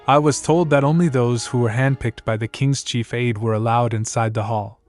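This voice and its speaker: A man's voice: medium pitch, fairly even intonation, moderate pace, darkish tone, no room sound, faint music behind, lightly acted. Fretful young princess, read by a man. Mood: worried. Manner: earnest, fretful inner thoughts. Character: anxious young princess, woman.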